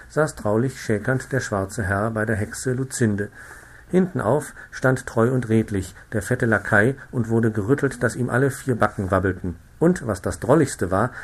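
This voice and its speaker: Man, audiobook narrator, measured, expressive, mid-pitched voice. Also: husky. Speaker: reader.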